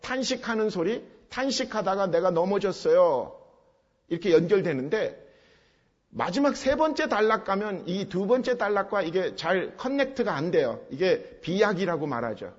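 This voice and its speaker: A man preaching an expository sermon, explaining step by step and driving points home with emphatic repetition. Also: high-pitched. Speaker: pastor. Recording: dull sound with long hall reverb.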